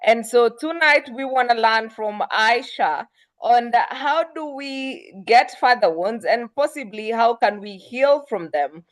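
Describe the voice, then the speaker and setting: A woman hosting an online talk over a video call, brisk and full of fillers. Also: fairly high pitch, expressive. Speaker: host.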